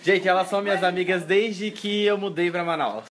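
A man's voice: high voice, steady tone, fairly quick, a crowd in the background. A young man, a singer on tour, talking in a casual vlog to the camera in a playful, teasing, slangy way.

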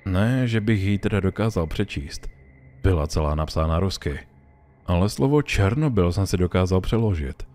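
A man reading a horror story aloud in a calm, measured storytelling voice. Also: low voice. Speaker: narrator. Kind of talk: scripted horror story narration.

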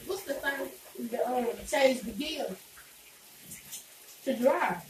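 A woman's voice: high-pitched, takes it slowly. A young woman chatting casually and playfully while eating, in a home mukbang vlog. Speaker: vlogger. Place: indoors, small home room. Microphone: phone camera a few meters away. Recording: distant, echoey, noisy phone-camera recording.

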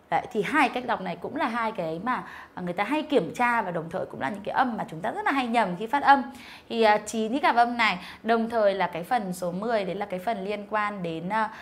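A young woman teaching English online at a patient, steady pace. She keeps her voice in a middle register and slows down to model each sound carefully. Frequent fillers and gentle check-in questions run through her explanations. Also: mid-range voice. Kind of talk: online lesson.

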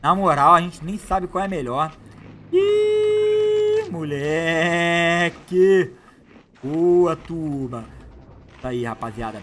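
A young man giving excited, heavy gameplay commentary. He repeats phrases and calls out to his viewers. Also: medium pitch, a little hiss or hum. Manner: hyped, slangy, repeats phrases, shouts at the screen. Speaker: gameplay youtuber.

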